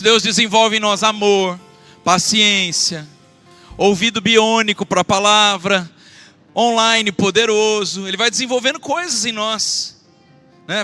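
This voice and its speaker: Male pastor, bright ringing voice, preaching a fervent sermon with loud calls and hushed asides, soft music underneath. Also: high-pitched, steady tone, unhurried. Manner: fervent, rising to loud exclamations then dropping to quiet asides; asks the congregation for call-and-response. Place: church sanctuary with congregation.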